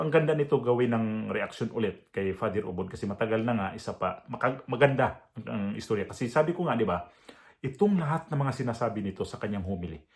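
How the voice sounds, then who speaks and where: A man with a Visayan accent giving casual reaction commentary in a blunt, proud way. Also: medium pitch. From Visayas, Philippines. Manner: proud, blunt, with many fillers and restarts. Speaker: reaction vlogger.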